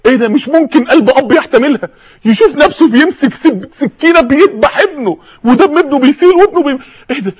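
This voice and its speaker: A man with an Egyptian Arabic accent delivers an impassioned sermon in a very high voice. He talks fast and dramatizes each scene, dropping to near-whispers and rising to cries as he voices the people he preaches about. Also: lively intonation, highs cut off. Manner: impassioned, dramatic swings between hushed and loud.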